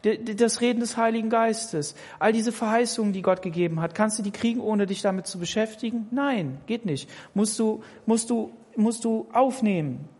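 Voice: mid-range voice, moderate pace, hardly any pauses, darkish tone, husky. Emphatic preacher in a reverberant church hall. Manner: emphatic, repeats words when pressing a point; addresses listeners directly as "du". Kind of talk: sermon.

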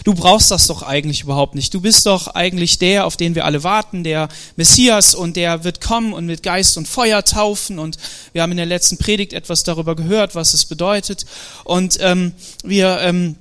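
A man preaching a Sunday sermon in a lively, animated way, with frequent fillers and hesitations. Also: high voice, moderate pace, clear, resonant tone. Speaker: pastor.

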